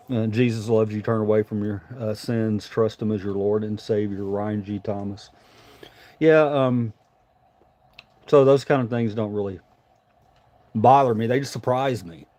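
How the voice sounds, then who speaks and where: A man's voice: fairly low pitch, steady tone, unhurried, pauses often, dark tone. A man chatting casually as a livestream host, talking around a dip of tobacco in his lip, rambling and informal with some swearing.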